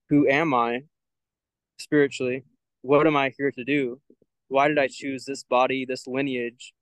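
A young adult man, a podcast guest, talks thoughtfully and searchingly in a reflective spiritual conversation, using many "like" fillers. His voice is medium pitch, with a rough recording and no echo.

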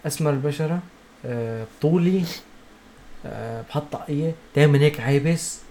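Male podcast co-host, Syrian Arabic accent, fast casual talk, slightly high voice. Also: dark tone, a little hiss or hum. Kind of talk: casual podcast chat among friends.

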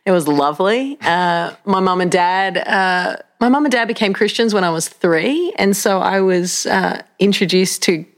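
A woman with an Australian accent, a pastor telling lively stories as a guest in a casual home interview. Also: mid-range voice, moderate pace, hardly any pauses. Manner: animated, laughing storyteller. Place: home, indoors.

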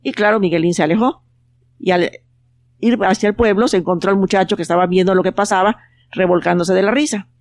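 A storyteller, reading a children's tale in a calm, unhurried way. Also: medium pitch. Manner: calm, unhurried telling with plain quoted voices. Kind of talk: storybook narration.

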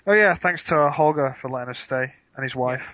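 An English-accented man chatting casually as a podcast guest, relaxed and quick to laugh. The sound is dry with no room, and muffled like lo-fi audio. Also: mid-range voice, dry recording. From England. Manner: easygoing, laughs easily. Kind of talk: casual chat.

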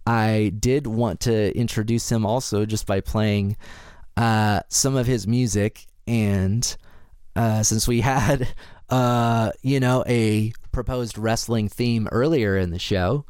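A man's voice: on the low side, steady tone, slow pace, darkish tone, smooth, no room sound, studio quality. A man hosting a podcast, casually introducing things in a hesitant, rambling way full of asides. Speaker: podcast host.

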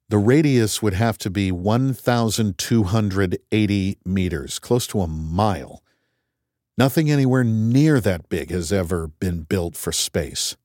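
A man narrating an audiobook in the first person, measured and wry, as if thinking aloud. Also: deep voice, a little mellow, dry recording, studio quality.

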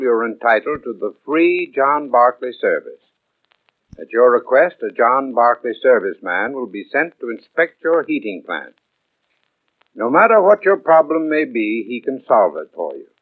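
An American man giving a scripted old-time radio advertisement as spokesman, formal, earnest and persuasive. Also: mid-range voice. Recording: tinny band-limited vintage radio broadcast.

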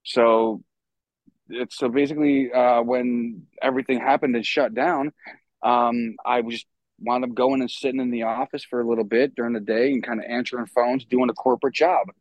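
Here the audio is poor but free of room sound. The speaker, a New York man who's a stagehand and musician, guests on a podcast and rambles through casual stories, swearing loosely and using plenty of fillers, in a mid-range voice with a steady tone and normal speed.

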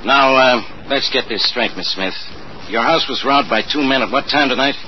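An actor playing a methodical, self-important police inspector in 1940s radio drama style, questioning in an official, deliberate way. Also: male voice, medium pitch, close to an everyday voice. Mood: businesslike. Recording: muffled old radio recording, faint noise.

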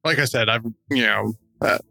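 A man co-hosting a podcast, giving opinionated conversational commentary in a frustrated, halting, emphatic way. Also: mid-range voice, creaky, bright, forceful tone, faint music behind. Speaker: true crime podcast co-host.

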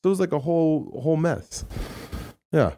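A man co-hosting a podcast, telling a story in a rambling, animated way with lots of fillers. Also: on the high side, normal speed. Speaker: podcast co-host. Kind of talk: casual storytelling chat.

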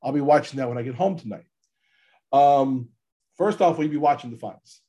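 A man with a stuffy, gravelly voice from allergies, hosting a casual sports podcast and informally rephrasing his points as he goes. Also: medium pitch, a little fast, dark tone, dull audio. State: congested from allergies. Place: podcast studio.

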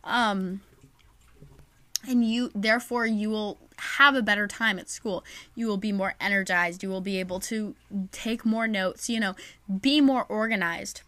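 A young woman talks straight into a close mic in a casual, chatty advice episode. Her pitch sits in the middle and she fills her talk with "like" and "you know". The sound is dry, with no room around it. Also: a little slow, fairly bright tone, no echo. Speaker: podcast host.

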